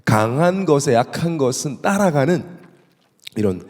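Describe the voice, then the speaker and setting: A male pastor with a Gyeongsang accent, giving a lively, humorous sermon and asking the congregation questions. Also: a little high, unhurried. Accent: Gyeongsang Korean. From South Korea. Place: church sanctuary. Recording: echoey church hall.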